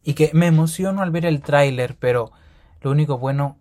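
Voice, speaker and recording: Fast-talking young man ranting casually. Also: a little high. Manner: fast, animated rambling with slang and self-corrections. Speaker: podcast host. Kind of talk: casual solo podcast monologue.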